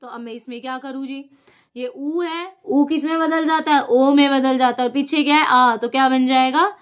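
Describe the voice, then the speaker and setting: A woman's voice: sits high, fairly even intonation, normal speed. A young woman teaching a lesson as she writes out examples, asking the class a question and then answering it herself. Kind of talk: casual whiteboard lesson.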